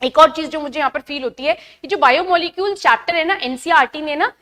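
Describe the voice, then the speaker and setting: Reading lines from an English textbook slowly and then explaining them in Hindi, a young biology teacher lectures in a live online class. She's chatty, keeps asking her students questions, and has a high-pitched, sharp voice.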